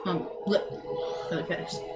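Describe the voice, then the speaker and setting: A woman's voice: unhurried, over music. A woman chatting casually as a player in a tabletop game, giggly and a little hesitant.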